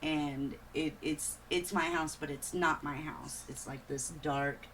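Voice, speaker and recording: A woman's voice: deep voice, fairly even intonation, takes it slowly, fairly bright tone, slight background noise. A woman on a podcast, explaining things hesitantly in casual chat.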